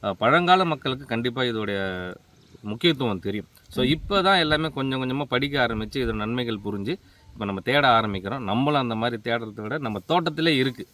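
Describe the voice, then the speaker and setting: A man's voice: mid-range voice, expressive, fast talker, fairly bright tone. A man steadily explaining a recipe and its ingredients.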